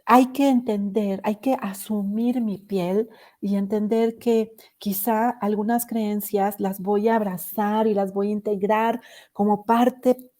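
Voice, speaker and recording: A woman hosting a live stream, reflecting gently and reading viewer comments with frequent "este" fillers. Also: mid-range voice.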